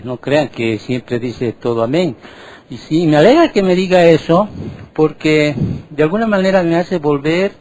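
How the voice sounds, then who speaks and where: A man's voice: a little high, darkish tone, low-quality recording. A man preaching a sermon as pastor, asking the congregation frequent questions and repeating words as he teaches.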